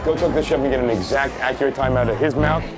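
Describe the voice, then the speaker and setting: A quick-talking man with a mid-range voice, polite like a waiter serving diners. Music plays clearly behind him. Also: medium pitch, crowd noise. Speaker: contestant working as waiter. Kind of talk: polite service talk and interview remarks. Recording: loud background music.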